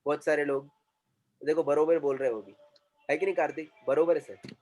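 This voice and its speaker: A man's voice: a little high, steady tone, a little fast, darkish tone, slight background noise. A male communication trainer, lecturing a class and often repeating himself and quizzing students.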